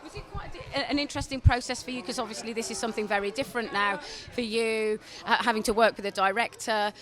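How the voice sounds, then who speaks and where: A woman with a fairly high voice asks upbeat, leading questions, the kind heard on a red carpet. She is interviewing guests outdoors at a film premiere. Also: steady tone, fast talker, crowd noise. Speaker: entertainment interviewer.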